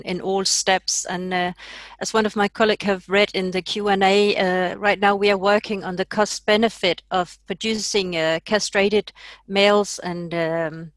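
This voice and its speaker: A woman from Denmark giving measured, explanatory remarks as a panelist in a webinar, speaking over a headset on a video call. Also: medium pitch, dry recording.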